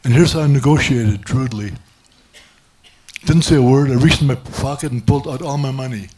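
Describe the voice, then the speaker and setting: A man's voice: mid-range voice, normal speed, a little mellow. A man doing stand-up, telling a rambling self-mocking story with many restarts. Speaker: stand-up comedian. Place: comedy club stage.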